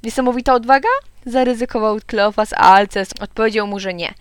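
A woman reading a children's story aloud and voicing the quarrelling boys in a lively way. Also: medium pitch, smooth, dry recording. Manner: lively, quickens and raises her voice for the quarrelling boys. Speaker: audiobook reader. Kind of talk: storybook narration with character voices.

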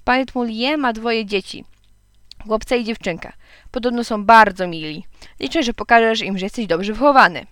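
Woman voicing a measured middle-aged dad. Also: fairly high pitch, a bit bright, no echo, studio quality, close to an everyday voice. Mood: instructive. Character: calm middle-aged father, matter-of-fact.

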